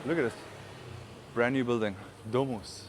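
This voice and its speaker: A vlogger from Germany chats casually in a German accent while walking outdoors through the city, rambling with informal asides. His voice sits at medium pitch with fairly even intonation and a moderate pace, over street noise and vehicles.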